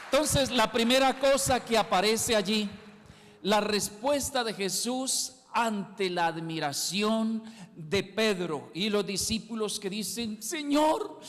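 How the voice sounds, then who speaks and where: A man preaching a sermon as pastor, emphatic, rising loud and dropping soft as he repeats key words. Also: high voice, big-room sound. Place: church hall.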